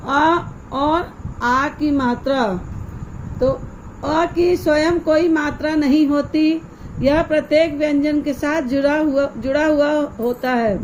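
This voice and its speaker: A woman teaching young children in a slow, unhurried way, her voice pitched high and clear. She explains each step patiently and keeps putting questions to her pupils. Faint ambience sits behind her. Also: darkish tone, slight background noise, low-quality recording. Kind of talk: online grammar lesson for young children.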